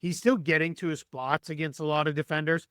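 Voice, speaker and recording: A man talking basketball as a podcast guest, his voice fraying as he goes hoarse. He thinks aloud, stopping and restarting mid-sentence with plenty of ums. His pitch sits somewhat high, and the mic is close with no room sound. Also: fairly even intonation, brisk, sharp tone, no room sound. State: losing his voice. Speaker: guest analyst. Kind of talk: podcast sports analysis.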